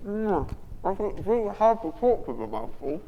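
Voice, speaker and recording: Lively high-voiced man in a reverberant room. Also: normal speed, muffled recording. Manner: animated, jokey, reads out viewer comments. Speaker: co-host of a live stream. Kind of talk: casual live-stream chat. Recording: long hall reverb.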